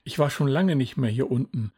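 Speaking for a proud father who is also a boastful aging knight in a children's storybook, this man grumbles and praises himself in a husky voice. He sounds mid-range, expressive, brisk, and mellow.

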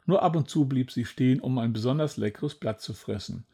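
Warm, husky storybook narrator. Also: male voice, mid-range voice, brisk.

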